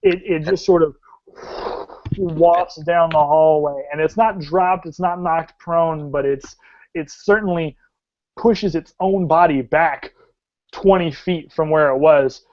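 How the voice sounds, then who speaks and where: A man runs a tabletop game as game master, his voice sitting fairly high. He paints the scene in a halting way, often restarting phrases. The audio is dull and lo-fi.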